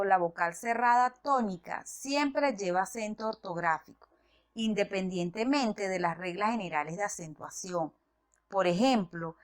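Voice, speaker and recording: A woman teaching a grammar lesson, explaining slowly and deliberately and spelling out examples one by one. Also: medium pitch, a bit bright. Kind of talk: educational lesson narration.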